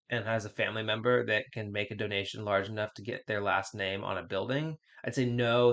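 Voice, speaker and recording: A man's voice: lowish voice, creaky, a bit bright. A man hosting a podcast, giving candid, blunt advice in a casual chatty way, often repeating words as he restarts. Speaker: podcast host.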